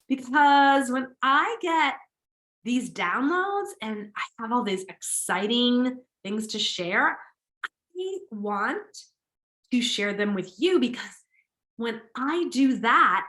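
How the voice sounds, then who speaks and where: A woman hosts a casual solo podcast, upbeat and enthusiastic, repeating words for emphasis. Her voice is on the high side, bright, and forceful, slightly nasal with a small sniffle. The sound is roomy.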